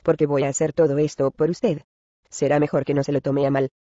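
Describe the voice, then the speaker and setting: A man reading the part of a sly, smooth-talking male traveller who coaxes a widow, in a storybook reading. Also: fairly high pitch, little pitch movement, a little fast, dark tone, no room sound, lo-fi sound, close to an everyday voice. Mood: cautious. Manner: coaxing and mysterious.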